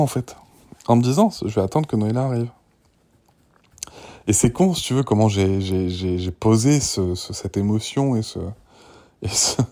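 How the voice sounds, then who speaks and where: Gravelly-voiced dad in a candid audio diary. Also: male voice, lowish voice, mellow. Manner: rambling and emotional, with many restarts and "tu vois"; drops to a breathy whisper at tense moments. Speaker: father recording a personal audio diary.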